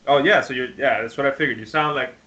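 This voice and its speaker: A man in his late thirties asks questions in a relaxed, chatty way, filling his sentences with "man" and "like". His voice has an ordinary middle pitch. The sound is dull and lo-fi. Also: fast talker. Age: late 30s. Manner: laid-back, with filler like "man" and "like". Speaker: interviewer. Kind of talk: casual podcast conversation. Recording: dull lo-fi audio.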